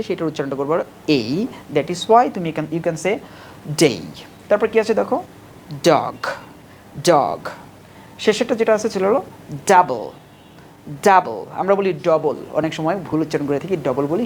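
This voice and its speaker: A woman with a Bangladeshi accent teaching English pronunciation, switching between slow drilled English phrases and brisk explanation. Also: on the low side, a little hiss or hum. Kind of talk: pronunciation lesson.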